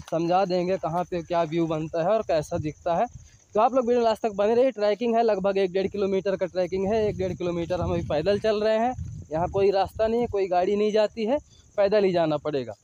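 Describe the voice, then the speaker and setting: A man's voice: high voice, mellow, lo-fi sound. A man in his thirties, talking to viewers as he walks through a village and forest, filming himself on a handheld phone. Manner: chatty, addressing viewers while hiking. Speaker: travel vlogger. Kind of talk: outdoor travel vlog. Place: outdoors in village and forest trail. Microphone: handheld phone at arm's length.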